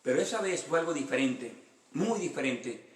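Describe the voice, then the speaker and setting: A man's voice: fairly high pitch, lively intonation, moderate pace, roomy sound. A man, a pastor giving a sermon with his own testimony, earnest and repeating phrases for emphasis. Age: 50s.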